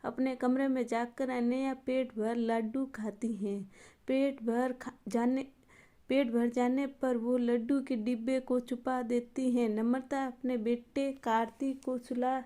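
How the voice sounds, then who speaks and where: A woman narrating a moral storybook tale in an even, unhurried scripted reading. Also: a little high.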